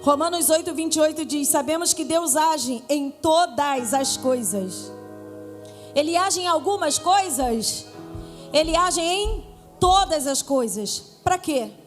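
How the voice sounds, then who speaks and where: High-voiced Brazilian woman preaching in a church. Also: lively intonation, takes it slowly. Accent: Brazilian Portuguese. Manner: playful, riddles with the congregation, rises to shouting. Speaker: pastor. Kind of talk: Pentecostal sermon. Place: church hall with live congregation. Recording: church hall reverb with faint music.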